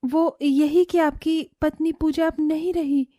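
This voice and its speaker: A woman's voice: steady tone, measured pace, dry recording, clean studio sound. A woman voicing a young mother posing as a kindly stranger in a cartoon story, speaking in an earnest, sweet way. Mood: gently consoling. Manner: earnest and bright, very high sweet voice.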